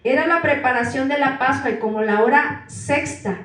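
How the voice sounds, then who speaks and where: Captured from far off in an echoey church hall, a woman preacher reads scripture aloud one verse at a time, calling out the numbers and asking listeners questions. Her voice is high and a bit bright, at a moderate pace.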